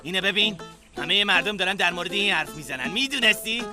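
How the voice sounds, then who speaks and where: A lovesick, clumsy young village suitor, eager and pushy, always pleading and wheedling. His voice sits high for a man. Loud music plays behind him. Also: lively intonation.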